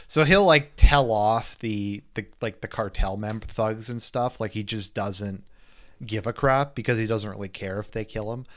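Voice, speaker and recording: A man's voice: lowish voice, normal speed. A man giving a loose, casual spoken movie review as he rambles through the plot. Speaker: film reviewer.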